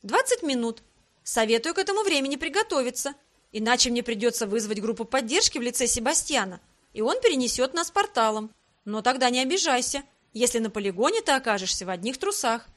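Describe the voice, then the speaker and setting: A woman's voice: on the high side, very animated, a bit bright. Woman reading a bossy, cheerful young heroine. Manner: brisk, commanding, playful. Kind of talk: audiobook character reading.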